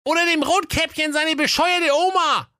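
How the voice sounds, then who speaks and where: Brief: squeaky jealous dwarfs bickering, extremely high. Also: male voice, normal speed, no echo, clean studio sound. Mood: squabbling. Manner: shouting insults. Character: squabbling jealous male dwarfs.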